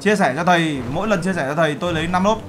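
Over background music, a man speaks in a high, racing voice that stays close to his everyday one. He's role-playing a brash, boastful overseas-Vietnamese CEO in a game, teasing the others in playful banter.

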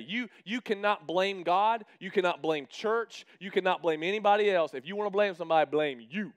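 A man preaching a lively sermon in a church, calling out to the congregation and slowing down to stress key phrases. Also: sits high, clear, resonant tone. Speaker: pastor. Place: church hall.

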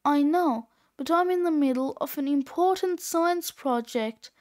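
A woman's voice: high-pitched, a little slow, darkish tone. Nate, a woman voicing a smug schoolboy. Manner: smug, wisecracking. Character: cocky sixth-grade boy, scheming and sarcastic.

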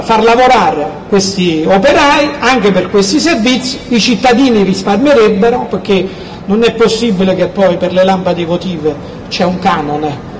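A man's voice: high voice, low-quality recording. A middle-aged man with a southern Italian accent from Campania gives an emphatic, insistent political speech, repeating key words. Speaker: local politician. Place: outdoor town square. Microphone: microphone on a stand, amplified. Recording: outdoor public address with background noise.

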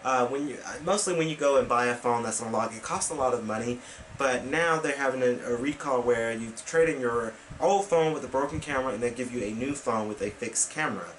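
A man's voice: mid-range voice, a little fast, slight background noise, poor audio. A young man hosting his own weekend vlog, talking casually to a webcam in his bedroom with lots of fillers and restarts. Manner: rambling with many fillers and restarts; gestures with hands while talking. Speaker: vlog host. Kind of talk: casual vlog talk to camera. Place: small bedroom with computer desk, indoors.

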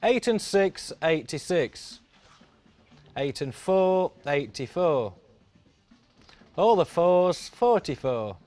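A man's voice: fairly high pitch, big pitch swings, takes it slowly, long pauses, a little mellow. A middle-aged man calling bingo numbers on a TV show in a sing-song, repetitive patter. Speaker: bingo caller. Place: TV studio.

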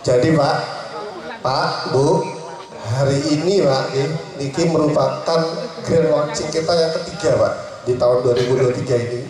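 A man's voice: fairly even intonation, normal speed, over loud music. A young man addressing farmers at an outdoor launch, chatty and constantly calling to the audience. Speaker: seed company speaker. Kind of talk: public speech at a farm product launch. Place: outdoor tent event in a village. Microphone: handheld mic through loudspeakers, filmed from afar. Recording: booming PA echo, distant, crowd around.

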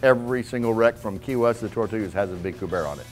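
A man in his fifties with a fairly low voice talks very fast over soft background music. He's giving a casual, blunt, folksy seminar on hands-on fishing in a club meeting room. He keeps asking "okay?" to check in with his listeners.

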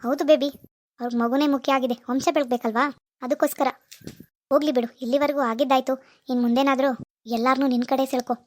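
A woman's voice: sits high, steady tone, fast talker, pauses often, dry recording, clean studio sound, natural voice. A woman voicing a doting, scheming middle-aged mother in a cartoon, who coaxes her daughter in a conspiratorial way. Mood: coaxing. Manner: coaxing, conspiratorial. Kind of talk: cartoon voice acting.

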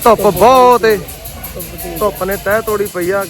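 A farmer and vlogger from Punjab, India, speaking with a Punjabi accent, narrates a casual vlog outdoors at a grain market and chats with people nearby. His voice sits high and his pace is measured, with music in the background alongside loud vehicle engines and outdoor ambience.

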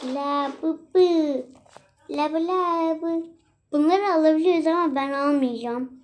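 A woman's voice: sits high, unhurried, faint music behind. A young woman chatting casually and exclaiming as she plays a mobile game for her channel. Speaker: gaming channel host.

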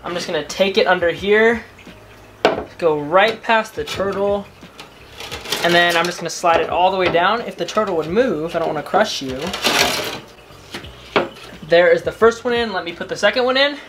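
With heavy background noise around him, a young American man talks casually to his camera as an aquarium hobby vlogger, mostly indoors in a room at home with fish tanks. His voice is high, his pace moderate, and he pauses often.

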